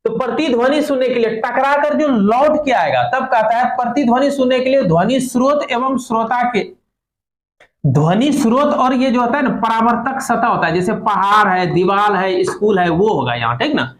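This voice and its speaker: A man's voice: very high voice, lively intonation, normal speed, roomy sound. A man teaching a physics lesson to a class, asking questions and joking with students.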